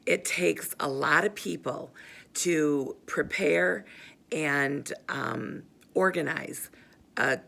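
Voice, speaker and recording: A middle-aged woman teacher giving a slow, careful briefing to parent volunteers, pausing often as she explains. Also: low voice, vocal fry. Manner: slow, careful and instructive, with frequent pauses.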